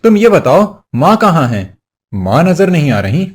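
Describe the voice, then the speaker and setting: A man's voice: fairly high pitch, very animated, normal speed. A man voicing a grown son and husband in a storybook tale who is devoted to his mother and speaks firmly. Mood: stern. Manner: firm and demanding.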